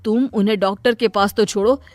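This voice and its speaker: A woman voicing a short-tempered middle-aged father in a cartoon story, speaking in a brisk, scolding way. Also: medium pitch, steady tone, darkish tone, faint music behind, natural voice.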